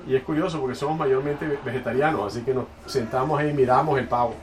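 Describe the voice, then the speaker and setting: A man's voice: mid-range voice, steady tone. Man preaching from across the room. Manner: conversational, halting, self-correcting. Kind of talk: sermon with a personal story. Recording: distant mic, noisy room.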